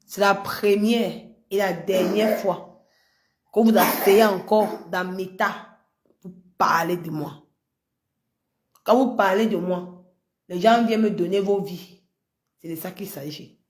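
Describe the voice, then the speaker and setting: A woman's voice: fairly even intonation, slow, long pauses. Taunting woman. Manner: confrontational, taunting, swings between loud outbursts and low mutters. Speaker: social media personality. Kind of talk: heated livestream rant.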